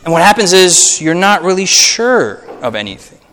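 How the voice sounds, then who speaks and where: A man's voice: high-pitched, normal speed, in a large hall. A man preaching as a pastor in a conversational way, checking in with the listeners often and acting out voices in his stories. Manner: conversational preaching with frequent audience check-ins; animated, acts out voices in anecdotes. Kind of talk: sermon.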